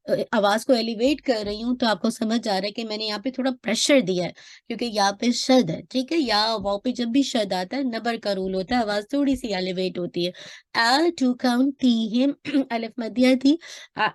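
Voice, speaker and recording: A woman teaching Quran recitation, who explains each rule patiently and then slowly sounds out each word as an example. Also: fairly high pitch, no room sound, studio quality. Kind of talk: recitation lesson.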